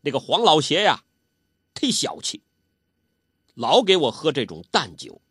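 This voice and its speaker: A man's voice: fairly high pitch, wildly swooping pitch, unhurried, a bit bright, breathy edge, no room sound, studio quality, full character voice. A man voicing a playful, childish old male martial artist, who whines and teases in a petulant way. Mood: eager. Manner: whiny, petulant, teasing.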